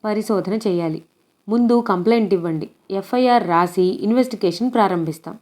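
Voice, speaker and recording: A woman reading the lines of a brisk, skeptical young male police inspector in a storybook, with matter-of-fact questioning. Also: mid-range voice, a little mellow, close to an everyday voice.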